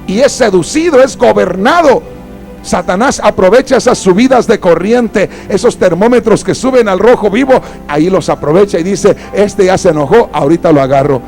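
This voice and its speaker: A man with a Mexican accent preaching a sermon in a fervent manner, swinging between loud exclamations and quiet asides. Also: sits high. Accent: Mexican Spanish.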